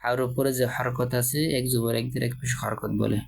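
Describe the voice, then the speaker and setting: A man teaching Quran reading, spelling out Arabic letter sounds in a slow, steady chant. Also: mid-range voice, gravelly.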